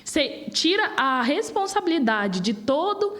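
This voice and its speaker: A woman's voice: high voice, a little slow. A woman in her late twenties with a Brazilian Portuguese accent, a guest arguing her points passionately in an interview. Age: 20s. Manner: passionate, animated argument.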